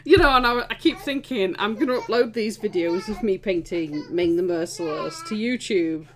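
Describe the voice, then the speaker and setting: A woman's voice: medium pitch, normal speed. A woman painting a miniature at her home desk, chatting casually and teasingly with her family. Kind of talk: casual chat while painting.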